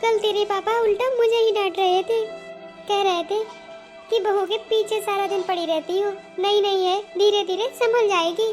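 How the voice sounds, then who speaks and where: A woman voicing a proud, stubborn older mother-in-law in a cartoon, nagging and lecturing in a very high voice. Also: fairly even intonation, moderate pace, faint music behind. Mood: scolding. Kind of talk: Hindi cartoon voice acting.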